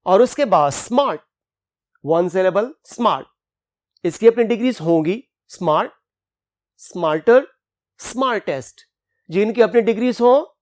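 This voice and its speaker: A woman teaching an English grammar lecture, slowing down to read each rule in English and then explaining it in her own words. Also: medium pitch, a little mellow. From Pakistan. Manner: reads English rules out slowly and deliberately, then explains in Urdu. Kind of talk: classroom lecture.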